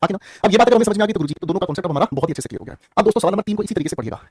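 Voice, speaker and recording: A man's voice: high voice, lively intonation, racing, darkish tone, slightly rough, no room sound, studio quality. A man teaching English grammar in an online class, joking and teasing students as he goes.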